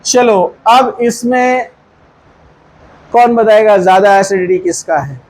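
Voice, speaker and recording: A man's voice: high-pitched, slow pace, a little mellow, low-quality recording. A man teaching a chemistry class in a classroom, quizzing students repeated questions and coaxing them toward the answers. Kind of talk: classroom lecture.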